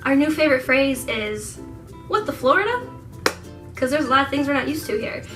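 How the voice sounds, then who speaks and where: Woman in her twenties from the Netherlands, chatty vlog co-host with a light, higher voice and frequent giggles, set a little back from the mic over loud music. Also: sing-song, brisk, far from the mic, low-quality recording. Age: 20s. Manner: chatty and giggly, laughs often. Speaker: vlogger co-host. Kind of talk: casual Q&A chat.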